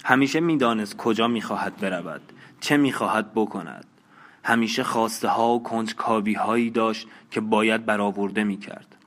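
A man reading a novel aloud as an audiobook, in slow, measured, even narration. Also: on the low side. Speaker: audiobook reader.

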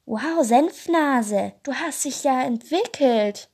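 A pack of small, sneering fire lizards from a storybook, voiced by a woman. They talk in a higher, boastful and mocking tone, with a husky, gravelly grain. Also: animated, takes it slowly, darkish tone, full character voice.

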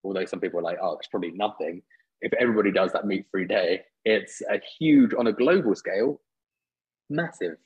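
A man hosting a podcast, talking in a relaxed, chatty way with easy restarts. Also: on the low side, brisk, breathy edge, muffled recording. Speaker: podcast host. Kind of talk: casual conversational interview.

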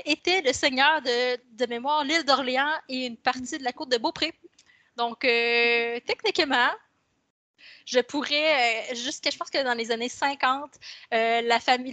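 Her voice is high, pushed, and bright, with no echo at all. Guesting on a podcast, this Québécois-accented author wanders through her thoughts, frequently backing up to fix what she just said.

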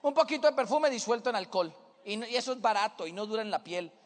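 A man voicing a gentle, patient mother who speaks softly and coaxingly to her small son, in a hall with long reverb. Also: high-pitched, quick pace, pitched below the performer's own voice, natural voice.

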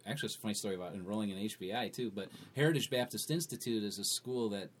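A middle-aged man telling how he joined his church in a casual interview, animated, stammering and restarting as he goes. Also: fairly low pitch, rapid-fire, slight background noise.

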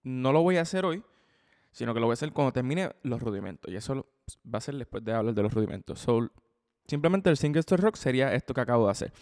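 A man's voice: medium pitch, expressive, fast, a little mellow. A man teaching drums on his podcast in a casual, chatty way, often repeating himself and checking in with the listener. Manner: chatty, repeats words and restarts phrases often. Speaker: drum teacher and podcast host. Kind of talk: casual spoken drum lesson. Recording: long hall reverb.

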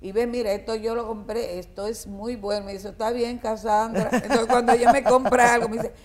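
A woman's voice: a little high, steady tone, brisk, darkish tone. An older woman from the Dominican Republic with a Dominican accent, a singer reminiscing in an interview with many fillers and restarts. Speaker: guest singer.

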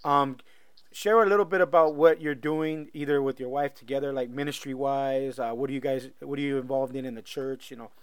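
Relaxed male interviewer from Southern California, friendly questions, smooth and clear. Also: mid-range voice, fairly quick, dry recording. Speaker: podcast host. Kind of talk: casual interview podcast.

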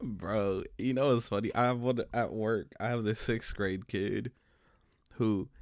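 A special education teacher co-hosting a podcast tells laid-back, slangy stories about his job during a casual chat, often restarting as he goes. His voice is fairly low and fairly even in intonation, unhurried, and recorded dry in a clean studio.

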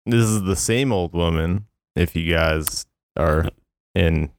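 Deep gravelly laid-back man. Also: slow, no echo, clean studio sound. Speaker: podcast co-host. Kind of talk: casual chat.

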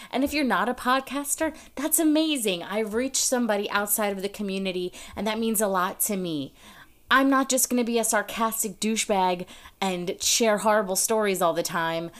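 A young woman hosting her own podcast, telling a dating story in a chatty, sarcastic way with lots of "like" fillers. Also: medium pitch. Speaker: podcast host. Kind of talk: casual storytelling monologue.

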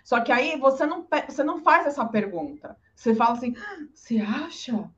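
Here a high-pitched woman speaks at a quick pace, animatedly offering advice in a casual conversation. She often acts out what people said, and the lo-fi audio sounds dull.

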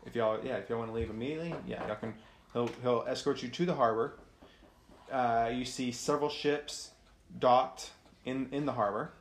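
A woman narrating a family tabletop game as game master, in a casual, halting way with frequent restarts. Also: very deep voice. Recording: echoey room with faint noise.

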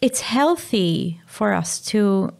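A woman's voice: mid-range voice, lively intonation, takes it slowly, creaky. A woman, a mother, talking openly in a conversational interview, with frequent fillers and restarts. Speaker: guest, mother of a sick child.

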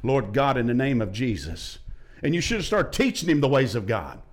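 A man preaching in a talk show, fiery and emphatic. His voice sits in an ordinary middle range but leaps up loud when he drives a point home. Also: mid-range voice, sing-song, moderate pace. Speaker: pastor. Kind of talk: preaching in a podcast discussion.

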